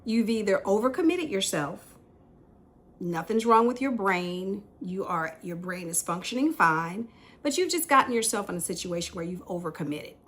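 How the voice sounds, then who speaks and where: A woman's voice: mid-range voice, animated, normal speed, a bit bright. A middle-aged woman hosting a casual chat show, talking candidly and laughing at herself often. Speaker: podcast host. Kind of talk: casual tea-time chat.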